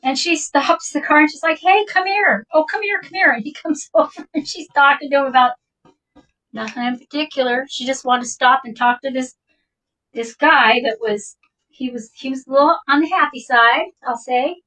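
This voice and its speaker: A woman's voice: high-pitched, normal speed, bright, forceful tone, distant mic, poor audio. A woman casually telling a personal story in a chatty, rambling way, laughing often as she talks. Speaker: vintage shop owner telling a personal story.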